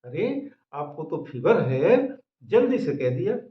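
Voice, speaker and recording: Slow, chuckling male comic poet. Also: on the high side, sing-song. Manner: slow, repeats each couplet, chuckles at his own lines. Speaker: poet reciting his own comic verse. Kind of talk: humorous poetry recitation. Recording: echoey dull lo-fi recording.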